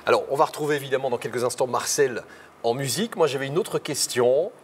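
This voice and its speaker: A man's voice: medium pitch, quick pace, a little hiss or hum. Playful male interview host. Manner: playful, hesitant with fillers. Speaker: radio show host. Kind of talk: interview hosting.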